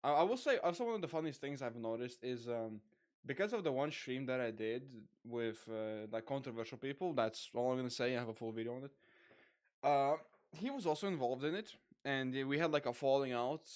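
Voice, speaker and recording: A young man hosting a casual online chat, rambling with lots of fillers and quick laughs. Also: medium pitch, animated. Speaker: podcast host.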